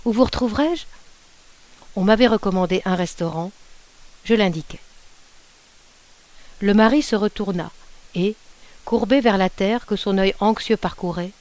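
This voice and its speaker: A woman's voice: mid-range voice, normal speed, long pauses, a little mellow. Woman reading a classic short story aloud. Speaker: audiobook reader.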